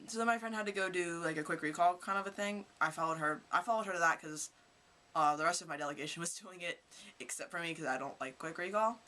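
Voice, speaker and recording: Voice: mid-range voice, quick pace, sharp tone. A teenage vlogger from Kentucky telling rambling stories to camera in a casual, chatty way. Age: teens. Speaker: vlogger, high school student.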